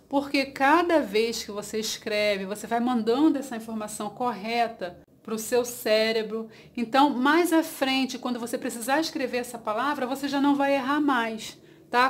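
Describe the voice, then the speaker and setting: A woman teacher with a Brazilian Portuguese accent, giving a dictation lesson and encouraging advice to her students. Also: on the high side. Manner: slow, deliberate dictation with repeated words; encouraging, reassuring tone.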